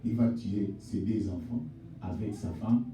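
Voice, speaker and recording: A male pastor preaches to his congregation, calling them mother and sister. His dark voice climbs into shouts and sinks to quiet asides. The sound is roomy and distant, as if the mic sits far off in a reverberant church. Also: steady tone, a little slow, soft background music. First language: not English. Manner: swings from shouted exhortation to low, quiet address; addresses the congregation directly as mother, father, sister. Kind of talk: sermon. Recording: echoey church hall, voice from off-mic.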